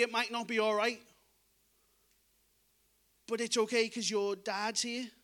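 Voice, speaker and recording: A man's voice: extremely high pitch, sharp tone. A man preaching a sermon in an earnest, conversational way, acting out scripture dialogue as he goes.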